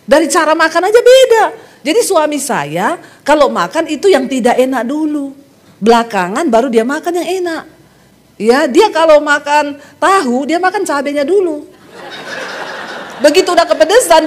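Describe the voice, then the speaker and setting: A middle-aged woman from Sulawesi preaching a humorous sermon, telling lively stories and laughing often. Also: high-pitched. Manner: lively joking storyteller who laughs often.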